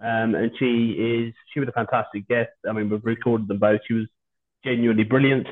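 British man podcasting over a tinny, low-quality stream. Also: level tone, brisk. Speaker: podcast host. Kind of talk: casual chat. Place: at home, on a video call. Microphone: video call without his usual microphone. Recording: low-quality online stream, phone-like sound.

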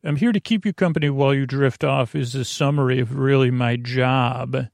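A man hosts a sleep podcast, delivering a meandering bedtime monologue in a creaky, a little mellow voice of medium pitch at normal speed. He's hesitant and full of tangents and filler, rambling to lull listeners to sleep, in a dry recording with clean studio sound.

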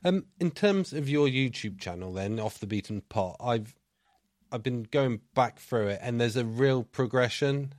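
A podcast host keeps a casual interview chatty, asking questions, turning to his listeners, and making jokes at his own expense. The studio-quality recording has no room sound, and his mid-range voice is animated, a little mellow, and measured.

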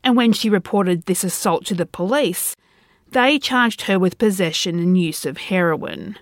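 A woman hosting a podcast, reading a scripted true crime narration in a measured, serious, suspenseful storytelling manner. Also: lowish voice, dry recording, studio quality.

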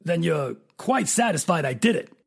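Gravelly and raspy, the actor plays the radio mystery's smug private eye and cold-blooded killer with cool sardonic menace. He speaks at medium pitch and a moderate pace, in an animated way.

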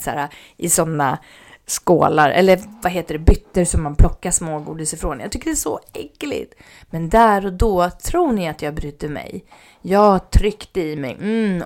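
A woman telling a personal anecdote in casual speech, animated, acting out what people said and sometimes dropping to a near-whisper. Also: lowish voice. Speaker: mother telling a personal story.

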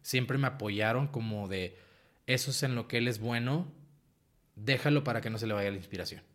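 Telling stories as a guest in an informal interview, a young writer and actor with a Mexican Spanish accent stays animated and laughs a lot. His voice is mid-range and his speed normal.

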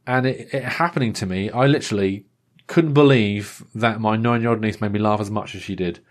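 A man's voice: lowish voice, a little fast. A man telling a rambling, self-deprecating story in a casual monologue, full of fillers and restarts.

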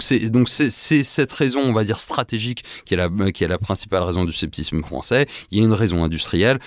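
A man's voice: low-pitched, no echo. A man talking as a guest researcher in an interview, explaining at length with frequent filler hesitations. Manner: halting, many filler hesitations. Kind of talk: expert analysis in a podcast interview.

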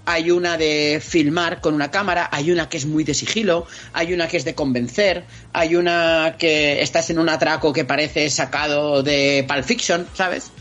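Speaking at a moderate pace with few pauses, a man with a highish voice and a Spain Spanish accent guests on a casual podcast. He's an expressive storyteller who acts out scenes using vivid interjections, and the lo-fi recording is a bit dull, with faint music behind.

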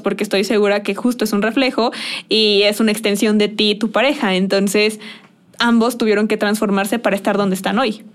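A woman hosting a podcast, setting up a question for her guest in a casual conversational tone. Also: medium pitch. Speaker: podcast host.

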